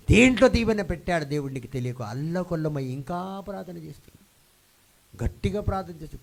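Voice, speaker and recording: A man's voice: a little high, gravelly. A man preaching a sermon, dropping English phrases into his talk and calling out for responses from the congregation. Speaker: pastor. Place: church hall.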